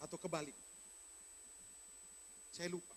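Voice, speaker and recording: A man's voice: fairly high pitch, level tone, unhurried. A male pastor giving a sermon in a conversational way, speaking straight to the congregation. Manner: conversational preaching, addresses congregation directly.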